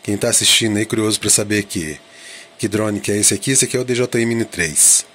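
A man's voice: lowish voice, a little fast, a bit bright, slight background noise. A man giving casual drone vlog commentary, thinking aloud and asking himself questions in an informal way. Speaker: drone vlogger.

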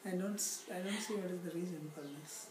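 On a sofa in his living room, a high-pitched middle-aged spiritual teacher gives a slow, deliberate scripture class, reciting Sanskrit verses with wry humor. The camera sits across the room, and the sound is echoey with background noise.

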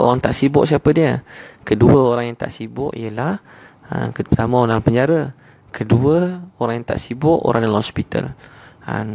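A man's voice: mid-range voice, vocal fry, warm tone, no echo. A man with a Malaysian Malay accent preaching a sermon in an earnest, storytelling way. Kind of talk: religious sermon.

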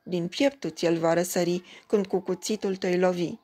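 A woman's voice: on the low side, fairly even intonation, warm tone, close to an everyday voice. A woman reading a fairy tale aloud, voicing a cruel young lord who gives stern, commanding orders. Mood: urging. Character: cruel young lord bent on killing his wife.

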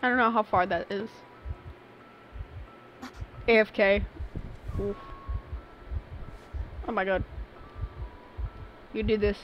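A young woman streaming a game live, chatting casually with her viewers and breaking into sudden excited squeals. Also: medium pitch, slow pace, long pauses, dull audio, a little hiss or hum. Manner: excitable, talks to chat, sudden squealy outbursts.

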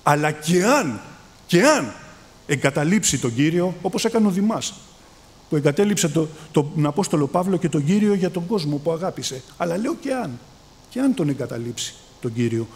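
Lively high-voiced male preacher. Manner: calls listeners brothers, voice rising and falling in emphasis. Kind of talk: sermon.

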